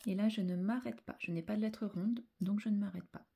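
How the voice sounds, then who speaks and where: A woman teaching young children handwriting, talking slowly and carefully, sounding out each letter and syllable and often dropping to a soft half-whisper. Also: medium pitch, steady tone, creaky, a little hiss or hum.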